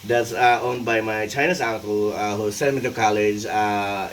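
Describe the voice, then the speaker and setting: A Filipino man in his forties, talking alone in a rambling vlog, halting and full of fillers, playful at times. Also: fairly low pitch, steady tone, recorded from a distance, a little hiss or hum. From Philippines. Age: 40s. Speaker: vlogger and tax consultant.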